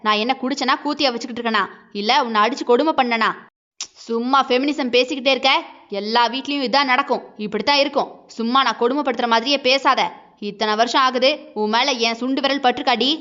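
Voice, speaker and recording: A woman's voice: high-pitched, fairly quick, pushed and bright, lo-fi sound. A woman reading a scolding angry husband. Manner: harsh, scolding, dismissive.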